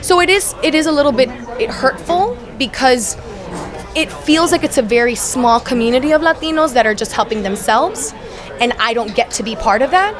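This young Miami actress has a high, expressive voice and a moderate pace. Interviewed casually at a crowded event, she speaks earnestly with frequent restarts and fillers into a handheld mic held by the interviewer, as the crowd chatters behind.

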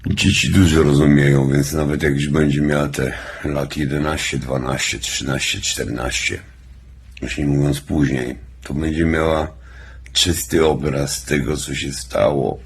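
Bardzo niski, upalony męski głos. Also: male voice, a bass voice, fairly even intonation, a little slow, husky. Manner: stoned, sluggish rambling. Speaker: vlogger. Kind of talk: casual rambling monologue, heavy swearing.

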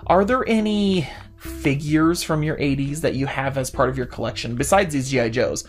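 A man in his thirties chats on a casual podcast, his voice rising and falling with lively energy as he trips over restarts and fillers. Faint music plays under him. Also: medium pitch, normal speed. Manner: animated, many restarts and fillers. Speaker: podcast co-host. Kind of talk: casual chat.

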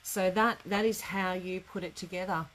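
In an indoor craft studio workroom, a middle-aged woman teaches a live craft class, chatting informally and a bit ramblingly. Her voice is lowish, a bit bright, and fairly even, at a normal speed. The audio is poor, with noticeable room background noise.

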